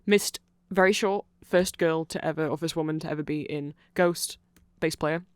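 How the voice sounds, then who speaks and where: With a steady, clear and resonant mid-range voice at normal speed, this host walks the listener through band lore. The ASMR talk rambles casually, full of nerdy chatter and self-correction in an enthusiastic fan's manner. There's no echo.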